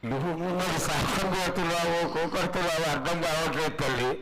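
A man's voice: fairly high pitch, fast. A man making a formal, reverent devotional plea, addressing a divine mother. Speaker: temple spokesman petitioning the oracle. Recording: noisy live ceremony.

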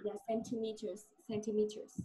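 A woman's voice: mid-range voice, completely flat delivery, normal speed, warm tone. A woman English teacher with a Vietnamese accent, coaching a pupil one-on-one and patiently repeating words for her to echo.

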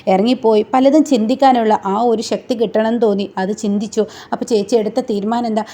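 A woman's voice: on the high side, steady tone, fast, dark tone, lightly acted. A woman voicing a despairing pregnant young policewoman, pleading and tearful. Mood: resolute.

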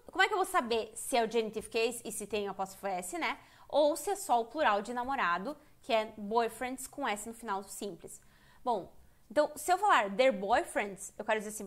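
Chatty Brazilian woman teaching English. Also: on the high side. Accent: Brazilian Portuguese. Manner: candid, chatty, self-interrupting. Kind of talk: live online lesson. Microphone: computer mic on a live stream.

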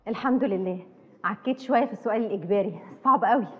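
An actress playing a hopeful young university student with an Egyptian accent in a TV drama. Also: female voice, medium pitch, racing, lo-fi sound, heavy background noise, natural voice. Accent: Egyptian Arabic. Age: young adult.

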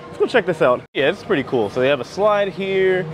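Walking the decks and indoor spaces of a cruise ship, an American man in his thirties narrates casually for his travel vlog. His voice sits high and sounds expressive at a fairly quick pace, with faint music behind and a handheld camera at arm's length capturing it.

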